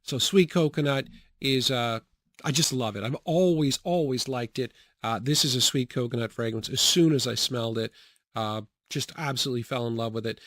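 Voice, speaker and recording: A young man chatting casually about his fragrances, relaxed, with many fillers and frequent laughs. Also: mid-range voice, moderate pace, no room sound, clean studio sound. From grew up partly in the Bahamas and Jamaica. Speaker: fragrance reviewer. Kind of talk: casual product review.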